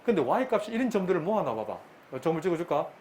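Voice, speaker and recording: A man's voice: high-pitched, sing-song, darkish tone, slight background noise. Middle-aged man teaching math. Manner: brisk, bantering with students, repeats questions. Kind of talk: classroom lecture. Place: classroom.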